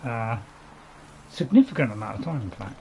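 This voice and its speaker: A man's voice: mid-range voice, big pitch swings, moderate pace, mellow, slight background noise. A man giving rambling, casual commentary as he plays a video game. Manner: rambling, chuckling asides. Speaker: gamer recording a playthrough.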